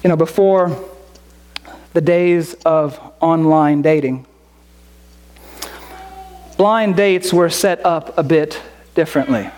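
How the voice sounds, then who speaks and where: Woman preacher, sermon delivery, unhurried, emphatic repetition, rhetorical questions. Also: low voice, darkish tone. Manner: slow, emphatic, repeating phrases, rhetorical questions.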